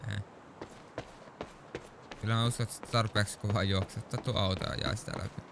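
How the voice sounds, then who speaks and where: A man's voice: on the low side, fairly even intonation, quick pace, creaky. A man with a Finnish accent giving casual gameplay commentary as a let's play host. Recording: noisy, clicks and game sound behind.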